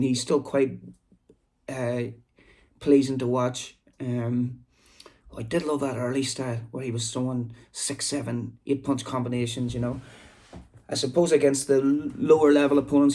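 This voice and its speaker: Gravelly, mellow Belfast man chatting casually. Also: mid-range voice. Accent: Belfast, Northern Irish. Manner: rambling, informal. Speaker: boxing vlog host. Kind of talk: casual chatty commentary to camera. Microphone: phone.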